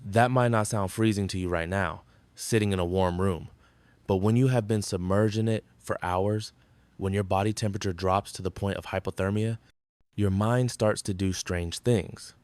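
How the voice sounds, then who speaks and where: A man's voice: sits low, a little mellow, dry recording. A man giving dramatic scripted narration in intense, punchy short phrases.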